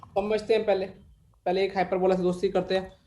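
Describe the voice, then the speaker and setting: A man's voice: sits high, flat delivery, noisy background. A man teaching maths in a live class, mixing Hindi and English with an Indian accent, dictating notes and quizzing his students. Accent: Indian English mixed with Hindi. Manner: dictates slowly, quizzes students, calls them beta. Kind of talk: live online class lecture.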